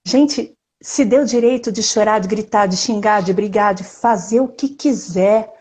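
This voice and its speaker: Speaking straight to her audience in a casual live stream, a woman with a Brazilian Portuguese accent sounds expressive and emphatic. Her voice is mid-range and husky, and she takes her time.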